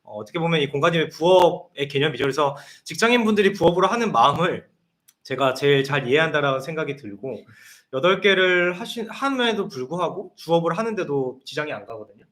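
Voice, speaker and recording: A man's voice: fairly high pitch, animated, fairly quick, fairly bright tone. A man in his thirties, a consultant answering viewer questions on a live stream in an explanatory way. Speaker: guest consultant.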